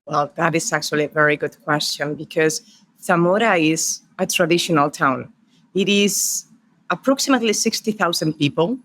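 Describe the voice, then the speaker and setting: Brief: Spanish-accented woman, middle-aged, interview guest, warm storyteller who lists her points. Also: low voice. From Spain. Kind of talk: podcast interview.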